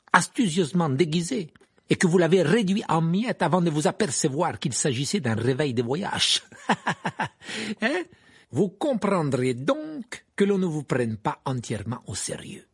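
A man's voice: creaky, husky, full character voice. A man voicing a haughty, irritable male headmaster in an audiobook, indignant and scornful. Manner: shrill, indignant, sneering. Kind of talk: audiobook character voice.

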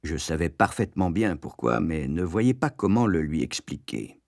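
Calm low-voiced male audiobook narrator. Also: moderate pace, vocal fry, no room sound, clean studio sound. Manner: calm, storytelling delivery.

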